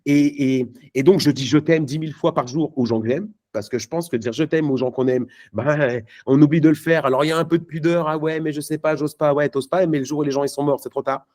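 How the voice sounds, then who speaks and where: A man's voice: on the high side, fairly quick, few pauses, a little mellow. A man giving a live motivational talk at a network marketing event, punchy and emphatic, speaking casually to the crowd. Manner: many fillers and restarts, casual slang.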